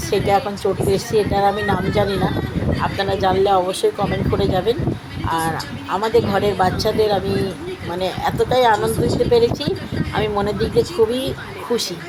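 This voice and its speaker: A middle-aged woman narrates a casual family vlog, speaking simply and repetitively, straight to her viewers. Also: medium pitch. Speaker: family vlogger. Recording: loud crowd and outdoor ride noise. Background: busy outdoor amusement park crowd and machinery noise.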